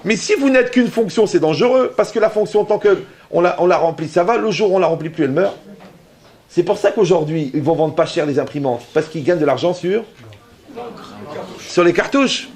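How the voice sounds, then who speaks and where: A middle-aged rabbi delivers a sermon with a somewhat high, gravelly voice. He tells lively anecdotes, acting out both sides of conversations, and keeps checking whether his audience is following. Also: fairly quick. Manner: lively storytelling with acted dialogue and jokes; often asks the audience if they follow.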